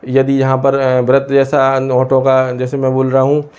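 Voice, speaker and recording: A man teaching a lesson from India, pausing often and asking questions he then answers himself. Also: medium pitch, monotone, a little mellow, clean tone. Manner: asks and answers his own questions, many hesitations. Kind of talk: explaining a lesson.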